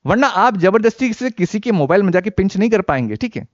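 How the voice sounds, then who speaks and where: A young Indian man with a high voice lectures for exam prep, switching between Hindi and English and firing questions at his students. He repeats key points to drive them home. The recording is dry and a little dull. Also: big pitch swings, fast talker, no echo. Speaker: teacher. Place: teaching studio.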